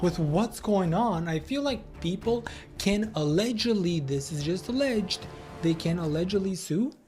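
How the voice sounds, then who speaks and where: A woman's voice: fairly low pitch, animated, unhurried, music in the background. A woman narrating a commentary video in a sarcastic, self-described overdramatic way. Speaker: commentary YouTuber.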